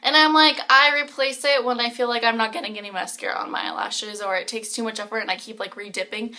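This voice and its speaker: A woman's voice: a little high, fairly even intonation, quick pace, sharp tone. A young woman chatting casually about makeup in her home kitchen, rambling with many fillers. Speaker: beauty vlogger. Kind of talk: casual chat.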